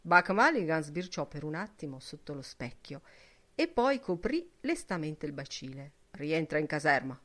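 A woman narrating a literary audiobook in a measured, expressive reading. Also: low-pitched. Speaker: audiobook reader.

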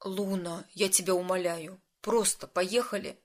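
A woman's voice: mid-range voice, moderate pace, fairly bright tone, natural voice. A woman voicing a flustered young man who speaks in a grumbling, defensive way in a storybook reading. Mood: urgent.

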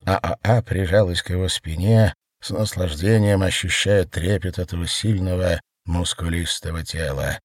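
A man reading a novel aloud as narrator in an even, measured way. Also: deep voice, dry recording.

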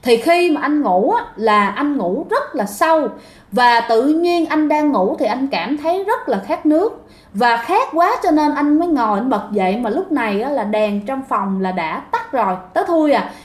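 A woman's voice: high-pitched, lively intonation, moderate pace. Chatty woman storyteller. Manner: chatty, addresses listeners directly. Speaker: ghost story narrator. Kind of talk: casual spoken storytelling. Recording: roomy echo.

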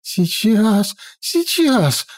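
A woman voicing a jittery, cowardly male sorcerer who pleads and frets in a high, whining patter. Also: very animated, drawn-out words, heavily acted. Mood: fearful pleading.

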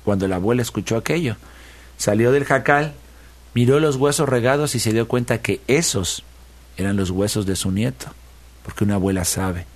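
A playful male storyteller spins a folk tale. He keeps it lively and builds a steady rhythm out of repeated phrases. His voice sits at an ordinary middle pitch. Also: moderate pace.

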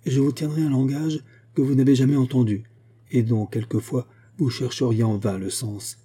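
A man's voice: medium pitch, fairly even intonation, moderate pace, dark tone, husky, close to an everyday voice. A man voicing a brooding, passionate young Corsican lover, pleading and impassioned. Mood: anguished.

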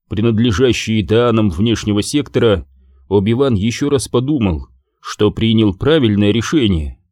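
A man with a low voice reads an audiobook at a steady, measured pace. The recording is dry and close, with no room sound. His delivery stays even through the narration. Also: no echo.

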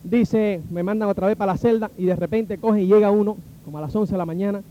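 A man with a Cuban Spanish accent and a high, bright-sounding voice tells a long personal story. He is animated and plays out the dialogue of each person he meets. The recording sounds dull and lo-fi. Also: fast talker. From Cuba. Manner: animated, acts out the dialogue of the people in his story.

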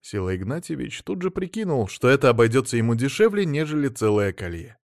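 A man reading a humorous story aloud in a wry, expressive way. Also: medium pitch, a little fast, no room sound, clean studio sound. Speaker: audiobook reader.

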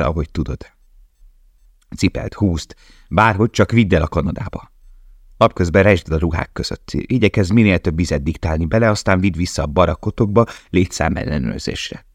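A man's voice: sits low, dry recording, studio quality. A man reading as a desperate, determined young prisoner. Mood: urgent. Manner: urgent, commanding.

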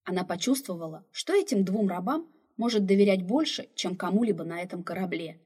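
A woman reads a fantasy story aloud, steady and expressive, at a middle pitch. Her voice carries a husky, breathy edge. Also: a little fast. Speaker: audiobook narrator. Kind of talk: storybook narration.

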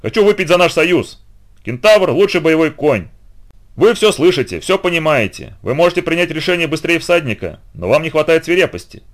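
A man voicing a brutal, boastful male warrior demigod in an audiobook, loud and threatening. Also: a little high, expressive, fairly quick, pitched above the performer's own voice, lightly acted. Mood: boastful menace.

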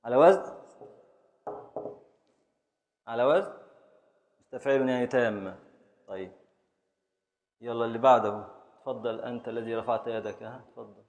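A man with an Egyptian Arabic accent teaches a classroom of students as a sheikh, speaking at an ordinary middle pitch. He drills them on poetic meter, drawing out syllables slowly and chanting them one by one. He calls on students by name and presses them for answers. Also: a little mellow. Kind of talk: classroom lesson, quizzing students.

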